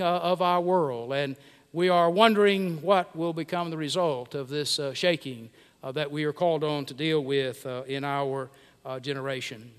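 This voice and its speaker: A man preaching a sermon in a church, speaking in measured phrases broken by many drawn-out "uh" pauses. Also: on the high side, smooth. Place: church sanctuary. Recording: long church reverb.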